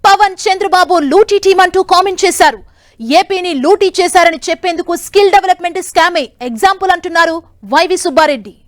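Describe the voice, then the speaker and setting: A woman reading a scripted news voice-over in a brisk, even newsreader manner on a close studio mic. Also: very high-pitched, no room sound. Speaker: news narrator.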